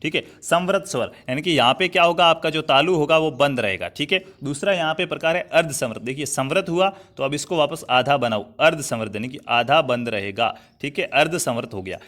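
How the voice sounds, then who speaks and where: A man's voice: fairly high pitch, fairly quick, hardly any pauses, fairly bright tone. A man from Rajasthan, India, teaching a Hindi grammar class online, repeating points and checking in with his students as he writes on a digital board. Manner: repetitive, checks in with "thik hai" often; addresses students as "saathiyon" and "bhai". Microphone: writing on a digital board while talking.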